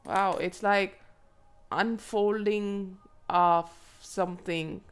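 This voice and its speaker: A woman with a hoarse, froggy voice from a cold, reading tarot to viewers in an unhurried, musing way and asking herself questions aloud. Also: medium pitch, steady tone, faint music behind. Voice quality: froggy, croaky throat. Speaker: tarot reader and channel host. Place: indoors at a table.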